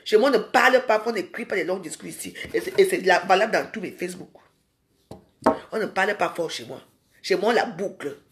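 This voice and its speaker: A woman's voice: medium pitch, expressive, fairly quick, a little hiss or hum. A woman ranting in a live social media video. She is confrontational and scolding and keeps firing rhetorical questions at her viewers.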